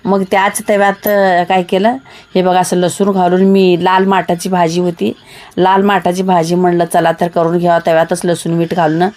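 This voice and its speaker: A woman's voice: lowish voice, level tone, normal speed, a little mellow. A woman, chatting homely and repetitive to her viewers in a casual home vlog. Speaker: vlogger. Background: child crying at times.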